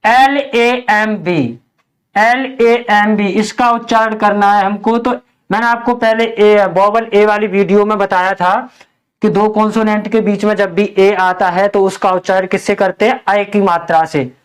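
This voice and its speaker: A man's voice: high voice, little pitch movement, normal speed, clean tone. A man teaching English pronunciation, spelling words letter by letter and drilling each answer with a repeated question. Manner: patient, explanatory. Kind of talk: step-by-step spoken lesson.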